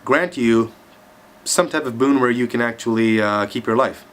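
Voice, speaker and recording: A man's voice: mid-range voice, normal speed, a bit bright, lightly acted. A man voicing a stern male chief in a told joke, talking in a stiff, commanding way.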